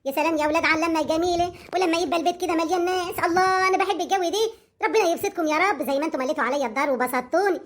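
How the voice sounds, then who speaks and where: A woman's voice: very high-pitched, rapid-fire. A woman with an Egyptian accent playing a young village daughter-in-law who talks in a gushing, overly sweet way. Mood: cheerful.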